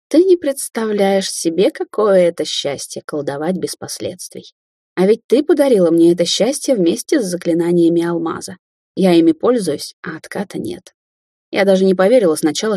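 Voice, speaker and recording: A woman's voice: lowish voice, warm tone, slightly rough, dry recording, studio quality. A woman voicing a smug, cruel adult sorceress in an audiobook, theatrical and mocking, sliding into hissed threats.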